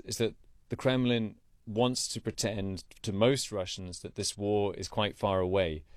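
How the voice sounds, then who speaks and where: A man reporting as a foreign correspondent, measured and explanatory. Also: on the low side, smooth, no room sound. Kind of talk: news report.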